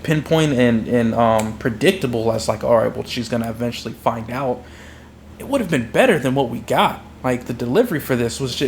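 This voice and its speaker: A young man with a mid-range voice co-hosts a podcast, casually chatting about a film. He's animated, acts out his reactions and swears freely. There's slight background noise.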